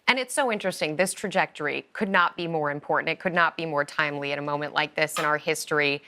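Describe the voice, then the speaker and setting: Bright upbeat woman host, live tv studio, lowish voice, keen and chatty. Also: fast talker. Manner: upbeat, enthusiastic. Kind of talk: live broadcast interview. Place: television studio.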